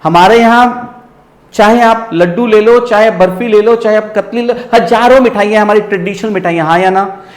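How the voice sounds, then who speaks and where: A man teaching a business class in a lively lecture style, often checking in with his students. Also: high voice, a little fast, roomy sound. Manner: lively, asks students rhetorical checks, mixes English into Hindi.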